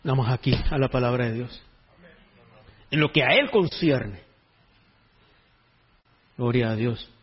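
A man's voice: medium pitch, takes it slowly, long pauses, breathy edge, lo-fi sound. A man preaching a sermon in a joking, conversational way, full of slang. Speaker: pastor.

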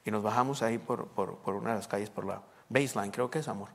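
Emphatic preacher in a reverberant hall. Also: male voice, on the low side, fast, gravelly. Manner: emphatic, swings from hushed asides to loud outbursts. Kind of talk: conversational sermon.

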